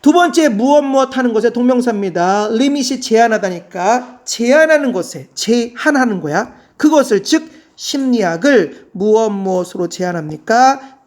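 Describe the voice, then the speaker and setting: A woman teaching English to exam students, explaining a reading passage in a lively way with rhetorical questions and words read out slowly. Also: fairly high pitch. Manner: animated, switches between polite and casual speech, asks rhetorical questions.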